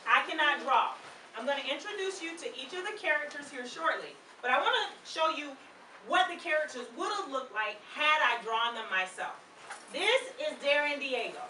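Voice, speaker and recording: In a public library's children's room, a middle-aged author and presenter of children's books reads aloud to young kids with lots of animation, quizzing them and prompting them to repeat words. She has a high voice and a moderate pace. The far-off camera gives a distant, echoey sound, with children and room noise behind her.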